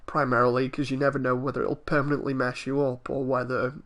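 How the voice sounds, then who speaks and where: A man's voice: medium pitch, level tone, quick pace, a bit bright. A man streaming a game, chatting casually in a rambling, conversational way. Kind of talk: casual livestream chat over a game.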